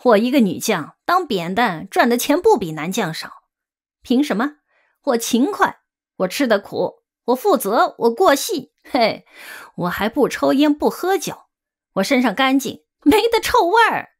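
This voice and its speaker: A woman voicing a tough, loud female porter from the street market in an audiobook, brash, boastful and earthy. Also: a little high, big pitch swings, a little slow, voice pushed up.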